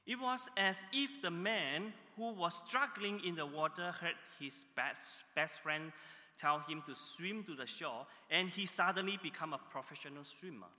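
A man delivers a sermon at a slow, deliberate pace. His voice is piercingly bright and tense, and he punches key words with emphatic jumps in pitch. A long reverb trails each phrase, as in a large hall. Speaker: preacher.

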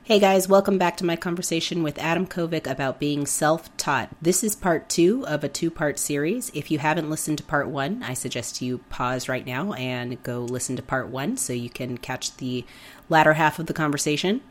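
A woman's voice: low voice, normal speed. A woman hosting a podcast in a scripted introduction, with a voice affected by being sick. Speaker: podcast host.

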